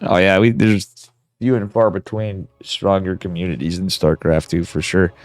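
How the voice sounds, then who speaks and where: A man's voice: low-pitched, steady tone, moderate pace, dry recording, soft background music. Man commentating with a whistling nose. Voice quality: nasal whistle from a cold. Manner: informal, slangy, chatty. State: stuffed up with a cold. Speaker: esports commentator. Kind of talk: casual live game commentary.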